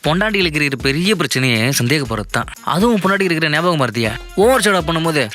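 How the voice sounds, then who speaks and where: A man's voice: a little high, big pitch swings, very fast, a bit bright, soft background music. A man playing a flippant, teasing friend in a comic short film.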